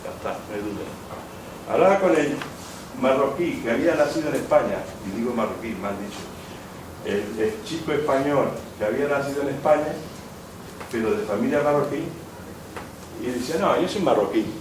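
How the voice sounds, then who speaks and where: This lecturer has a mid-range voice and an animated delivery at a normal speed. His talk is discursive, full of restatements, hesitations and frequent "eh" sounds. It was captured in a lecture hall that echoes, with a far-off microphone and noise in the background.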